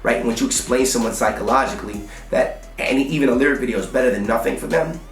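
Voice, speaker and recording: This is a quick-paced, medium-pitched American man, heard far from the mic amid roomy echo. As a music business coach and online course seller, he delivers a blunt, emphatic motivational how-to talk with repetitive, slangy hustler phrasing.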